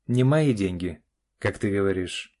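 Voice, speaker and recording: A man's voice: on the low side, animated, unhurried, warm tone. Man voicing a curt, firm middle-aged father. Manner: curt and clipped. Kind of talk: audiobook character voice.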